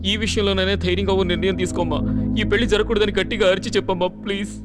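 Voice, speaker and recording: A man's voice: sits high, steady tone, very fast, natural voice. An actor in his twenties playing an earnest young graduate who pleads and pushes back against his father's plans, in a film scene with music behind. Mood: pleading defiant. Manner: earnest, pleading then defiant. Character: young man defying his father over an arranged marriage. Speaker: son, engineering graduate. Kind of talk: film drama acting. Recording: film dialogue over music.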